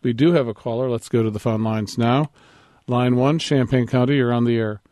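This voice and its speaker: Man, smooth radio host manner, mellow tone, dry close sound, steady live-show moderating. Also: mid-range voice, brisk, no echo. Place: live broadcast from a campus hall.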